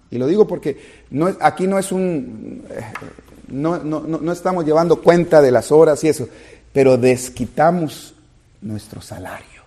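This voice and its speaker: A man preaching a sermon as a pastor, earnest, climbing to loud emphatic peaks and then falling soft and low. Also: breathy edge.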